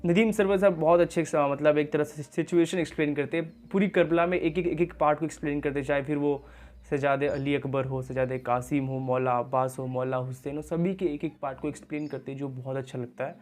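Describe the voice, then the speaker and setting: A young man gives casual commentary as a reaction-video host. He often drops English words into his speech. His voice sits a little high. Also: steady tone, brisk, a little mellow. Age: young adult.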